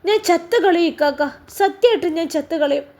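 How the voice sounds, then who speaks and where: A woman's voice: very high voice, fairly quick, a little mellow. A woman reading a spiteful, jealous young woman in a spoken story, sneering and complaining. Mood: aggrieved.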